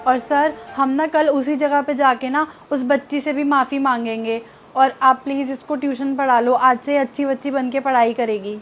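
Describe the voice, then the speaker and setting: A woman's voice: high-pitched, fairly even intonation, moderate pace, highs cut off, faint music behind, close to an everyday voice. A woman playing a scornful, snobbish mother. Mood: pleading. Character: snobbish scolding well-off mother. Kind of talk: short social-drama skit acting.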